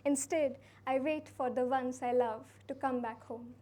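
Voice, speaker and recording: A young woman from India performing a spoken word poem at a college event, with a soft, earnest and unhurried delivery. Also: high-pitched, fairly even intonation. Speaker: slam poet.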